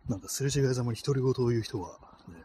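A man's voice: mid-range voice, rapid-fire, dark tone, slight background noise. A man hosting a casual solo podcast, talking into his phone while walking a night street, rambling with many fillers. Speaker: podcast host. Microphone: phone held in cold hands. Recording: faint street ambience outdoors.

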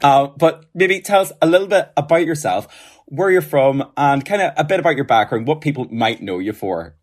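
A man's voice: on the high side, animated, moderate pace. A man with an Irish accent hosting a casual interview podcast in a rambling, self-deprecating, hesitant way. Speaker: podcast host.

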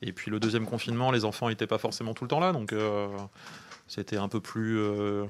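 A man's voice: fairly low pitch, fairly even intonation, brisk, a little hiss or hum. A man speaking casually as a podcast guest, with hesitant phrasing and dry humour. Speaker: podcast guest, children's story author. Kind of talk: casual conversation.

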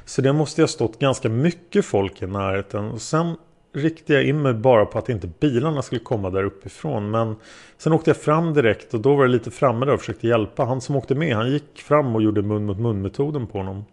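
A man reading the lines of a hesitant male taxi driver being questioned as a witness, in a plain, halting way. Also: medium pitch, darkish tone, close to an everyday voice. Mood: unsure. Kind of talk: read-aloud interrogation transcript.

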